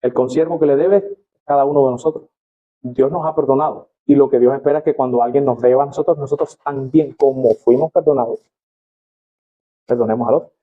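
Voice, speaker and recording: A man preaching a sermon in Spanish as a pastor, reading scripture aloud with expressive rises and falls and addressing the congregation as brothers. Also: medium pitch, a little fast, phone-quality sound.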